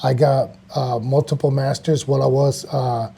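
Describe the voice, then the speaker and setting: A man's voice: medium pitch, level tone, moderate pace, vocal fry, warm tone. A man in his fifties from Puerto Rico, an artist and studio co-owner talking casually in an interview, hesitant with many fillers.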